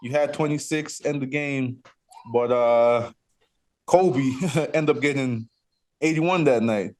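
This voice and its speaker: Relaxed male podcast host. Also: mid-range voice, slow pace. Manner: relaxed, lots of short affirmations. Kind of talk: casual interview.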